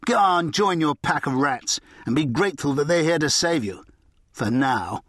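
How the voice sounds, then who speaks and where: A man's voice: fairly high pitch, sing-song, moderate pace, fairly bright tone, breathy edge, no echo, studio quality, voice pushed up, full character voice. A man voicing a nasty older schoolboy prefect who snarls and sneers. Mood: sneering.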